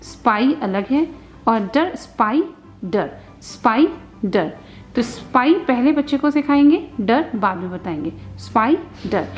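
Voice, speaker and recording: Indian woman phonics teacher, slow deliberate delivery, fairly high voice, soft music behind. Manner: sounds out letters slowly, mixes English in. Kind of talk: slow patient phonics lesson.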